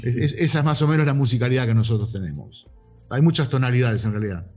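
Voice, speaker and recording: A man's voice: medium pitch, fast talker, breathy edge, soft background music. A man in his fifties with a Rioplatense Argentine accent, a voice actor talking animatedly in a casual interview. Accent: Rioplatense Argentine Spanish. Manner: animated, gesturing storyteller. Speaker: voice actor guest. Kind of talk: casual interview over a call.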